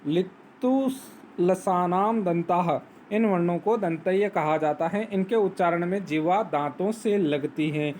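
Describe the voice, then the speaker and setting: Male teacher with a high, unhurried voice who poses questions and answers them himself; faint background noise. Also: a little mellow. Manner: explains step by step, asks and answers own questions; recites Sanskrit sutras slowly. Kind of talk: Hindi grammar lesson on phonetics.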